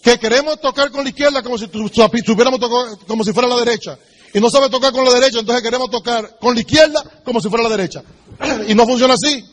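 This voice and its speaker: A man with a strikingly high voice runs a sales training seminar, talking at a brisk clip. He is blunt and emphatic, turns straight to his listener and plays out little sales conversations as he goes. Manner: direct and emphatic, addresses the listener, acts out sales dialogues. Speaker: business seminar speaker. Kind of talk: motivational sales training talk.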